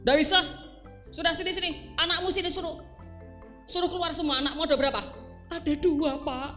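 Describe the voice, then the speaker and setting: A woman's voice: high voice, steady tone, moderate pace, long reverb tail, soft background music. A woman voicing a harsh, burly male debt collector who barks orders in a children's story. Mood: bullying. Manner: loud, barking commands.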